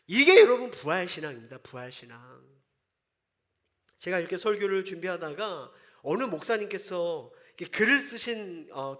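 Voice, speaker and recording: A man's voice: high-pitched, pushed and bright. A male pastor preaching a sermon in church, emphatic and often putting rhetorical questions to the congregation.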